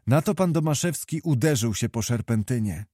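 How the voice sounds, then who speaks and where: This is scripted audiobook narration of a historical novel, delivered by a man with a medium-pitched voice in an even, measured storytelling style. The studio recording is clean, with no room sound.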